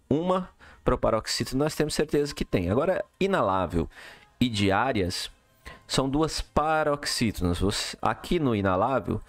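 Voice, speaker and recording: A man's voice: medium pitch, no echo. A man teaching a recorded lesson, walking through exercise answers step by step and checking in with the listener often. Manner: explanatory, checks in with "tá?" and "beleza?".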